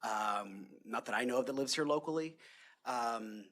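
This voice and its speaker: A man's voice: medium pitch, moderate pace, fairly bright tone. A man speaking as a lobbyist in a council meeting, answering questions politely with many fillers and "yes, sir". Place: city council chamber.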